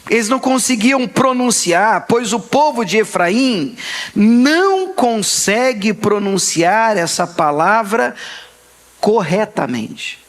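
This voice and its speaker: A Brazilian Portuguese man preaches from the pulpit in a noticeably high voice. He hammers his points home by repeating words and calls out to the congregation for a response. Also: animated, takes it slowly. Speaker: pastor. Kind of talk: sermon. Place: church sanctuary.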